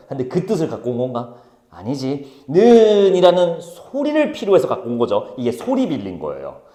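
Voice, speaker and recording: A man teaching a high school Korean class, brisk and teasing, calling on students by name. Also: a little mellow. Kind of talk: classroom lecture. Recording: echoey classroom.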